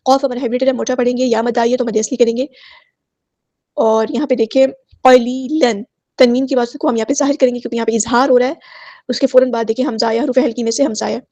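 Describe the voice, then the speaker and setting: A woman teaching tajweed, chanting verses slowly and explaining each rule patiently, step by step. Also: a little high, fairly even intonation, warm tone, no room sound. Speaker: Quran recitation teacher. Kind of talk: tajweed lesson with slow recitation.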